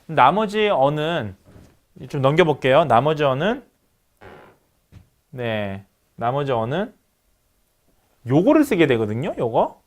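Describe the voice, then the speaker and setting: A middle-aged male lecturer with a slightly high voice teaches phonetics in a calm, patient way. He says sample words slowly and repeats them so the class can practice each sound. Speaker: university lecturer.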